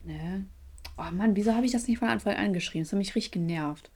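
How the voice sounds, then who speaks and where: A young woman chatting casually on a podcast, telling an animated story in colloquial slang and acting out the other people's lines. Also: mid-range voice, fast, husky. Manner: animated storyteller, acts out quoted dialogue. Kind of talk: casual chat.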